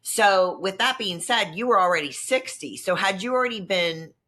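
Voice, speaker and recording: A woman hosting an interview, asking questions and explaining in a measured way. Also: mid-range voice, expressive, fairly bright tone. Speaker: host.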